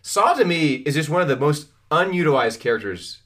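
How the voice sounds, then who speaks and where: A man talking fast in a casual chat, his pitch swinging widely as he acts out scenes in quick quoted voices. He laughs often and keeps an easy, chatty flow. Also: expressive, fairly bright tone. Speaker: podcast co-host.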